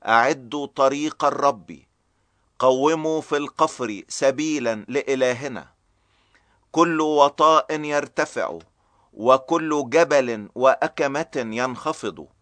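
A man reading a chapter of scripture aloud in a slow, measured, grave recitation. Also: on the high side, a bit bright, no room sound. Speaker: scripture reader. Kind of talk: solemn scripted Bible reading.

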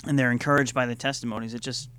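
A man's voice: mid-range voice, fairly even intonation, rapid-fire, fairly bright tone, clear, resonant tone. Man, radio host, encouraging, earnest, interviewing a guest.

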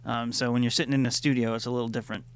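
Earnest host of a faith radio show. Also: male voice, mid-range voice, level tone, racing, a bit bright, clear, resonant tone. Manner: earnest, encouraging. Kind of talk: radio interview.

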